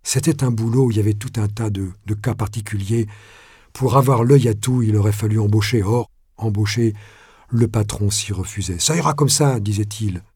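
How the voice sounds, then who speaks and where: A man reading a novel aloud as narrator, measured with a dry ironic touch. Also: on the low side, steady tone, mellow, slightly rough, no room sound. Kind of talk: audiobook reading.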